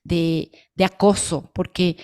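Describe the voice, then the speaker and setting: A woman's voice: fairly low pitch, level tone, slow pace, warm tone, clean tone. A woman from Ecuador with an Ecuadorian Spanish accent, speaking thoughtfully and hesitantly in a casual podcast conversation. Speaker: podcast co-host.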